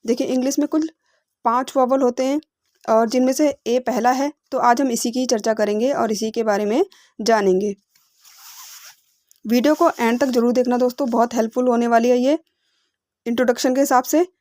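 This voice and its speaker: A woman teaching English phonics, explaining patiently, repeating words slowly and asking rhetorical questions. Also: fairly high pitch, steady tone, darkish tone, no echo. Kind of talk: explanatory lesson.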